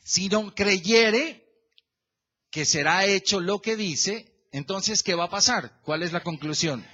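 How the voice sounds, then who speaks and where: Slow and high-voiced, the male pastor draws out the verse piece by piece in a lively sermon. He quizzes the congregation and addresses members by name, though the recording is muffled.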